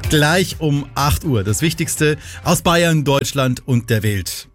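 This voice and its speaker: A man's voice: a little high, takes it slowly. Upbeat sing-song radio host man over music. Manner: lively, sing-song presenting. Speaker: radio morning show host. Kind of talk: upbeat radio morning show chat. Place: radio studio. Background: music bed.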